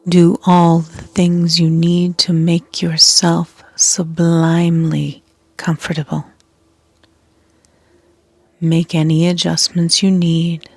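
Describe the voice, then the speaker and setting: This yoga nidra guide, a woman, leads a meditation in a monotone at a fairly low pitch, recorded dry. She keeps it hushed and soothing, breathy almost to a whisper, with long pauses.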